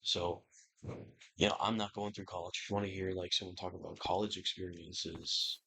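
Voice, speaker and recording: A man's voice: low-pitched, flat delivery, moderate pace, vocal fry, bright, forceful tone, a little hiss or hum, rough recording. A young man chatting casually and rambling over his gameplay, swearing now and then. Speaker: gaming YouTuber. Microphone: computer microphone.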